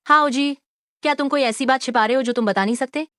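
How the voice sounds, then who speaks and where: A woman's voice: sits high, fast talker, a bit bright, no echo, studio quality. A woman voicing a young woman who was betrayed, pleading and accusing in turn. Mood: hurt defiant. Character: young woman, wronged, defiant and desperate. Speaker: dubbing actor. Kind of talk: Hindi dub of a short drama.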